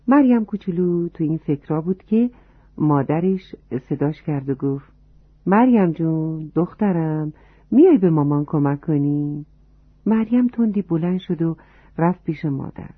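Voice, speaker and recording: A medium-pitched, husky narrator warmly tells a storybook tale while speaking directly to the children. The audio is dry, with no room sound, and tinny in a phone-like way.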